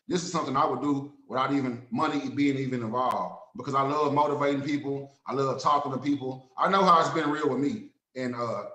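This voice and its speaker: A man in his thirties from Dallas, Texas, speaks with a Southern Dallas accent as an author guest in a casual interview over a video call. His medium-pitched voice is fairly bright, and he comes across as earnest, streetwise and repetitive, though the recording is low quality and the room echoes.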